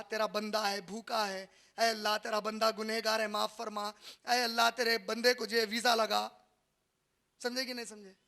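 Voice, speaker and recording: A man giving an impassioned religious lecture in a hall, moving from quiet asides to loud cries and putting rhetorical questions to his audience. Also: high voice. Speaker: preacher.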